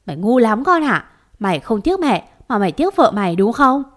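A woman's voice: on the high side, big pitch swings, normal speed. Woman doing a bitter scolding old mother-in-law. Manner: scolding and reproachful. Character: scornful older mother-in-law, bitter and blaming.

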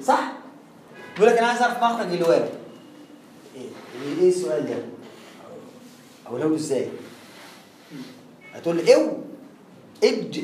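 A man's voice: high voice, a little hiss or hum. Egyptian man teaching in an echoey room. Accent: Egyptian Arabic. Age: adult with a young son. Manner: explains with examples, acts out questions and sounds. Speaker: Quran recitation teacher. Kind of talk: casual classroom explanation. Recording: echoey room, mic at a distance.

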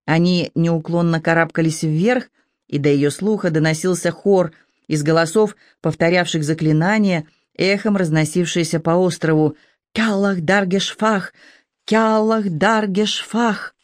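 Measured audiobook narrator, mid-pitched, dry close sound. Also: steady tone, no echo. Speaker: audiobook reader.

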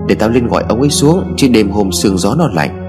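A man's voice: fairly low pitch, lively intonation, a little fast, music in the background, natural voice. Man voicing nagging old village wife, fretful, scolding, storytelling.

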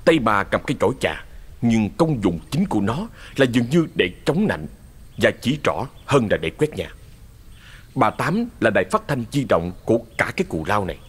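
Brief: male ghost-story narrator, husky, animated delivery. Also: medium pitch, moderate pace. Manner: expressive storyteller.

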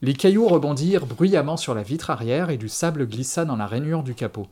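A man reading a story aloud in the first person, with measured, steady audiobook narration. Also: medium pitch.

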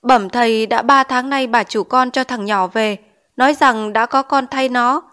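A woman's voice: a little high, fairly even intonation, a little slow, fairly bright tone, smooth. A woman voicing a poor, timid schoolboy in an audiobook, answering meekly and politely. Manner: meek, polite address. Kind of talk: audiobook character reading.

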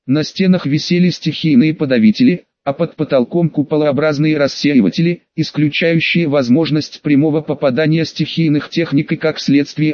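Male audiobook reader, first-person, a bit higher voice, dull dry recording. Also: no room sound. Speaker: audiobook narrator. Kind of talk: scripted audiobook narration.

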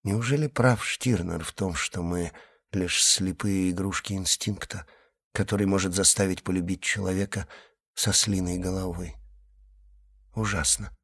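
A man voicing a gentle, saddened young woman who speaks softly and tenderly. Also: low-pitched, steady tone, unhurried, vocal fry, slightly rough, heavily acted. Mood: sad, musing. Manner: soft, tender, hushed. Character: young woman, gentle, sad, calm comforter.

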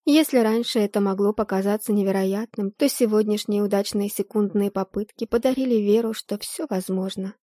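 A woman narrating a fantasy audiobook in the first person, with expressive, steady storytelling. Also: medium pitch, a little fast, few pauses, no room sound, clean studio sound.

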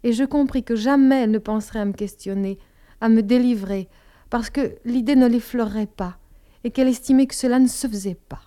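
A woman narrating a novel in an audiobook, measured and intimate, sometimes dropping to a whisper. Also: on the high side, mellow. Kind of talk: scripted narration.

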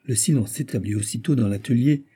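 A man narrating a classic novel in a measured, literary way. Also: mid-range voice, dark tone, husky. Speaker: audiobook reader.

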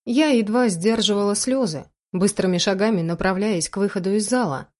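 A woman's voice: mid-range voice, a little fast, a little mellow. A woman reading a first-person story aloud as an audiobook narrator, with an emotional, dramatic delivery.

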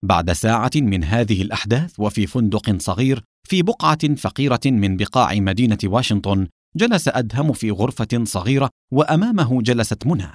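A man narrating a thriller audiobook in a dramatic, expressive style. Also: lowish voice, fairly quick, no room sound, studio quality.

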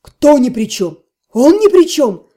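A woman reading an audiobook voices a hot-tempered blond male mage who shouts gruff accusations, in a lower put-on voice. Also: normal speed, close to an everyday voice. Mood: enraged.

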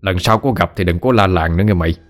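A man's voice: low-pitched, fast, faint music behind, close to an everyday voice. A man voicing a stern older uncle who gives a firm warning.

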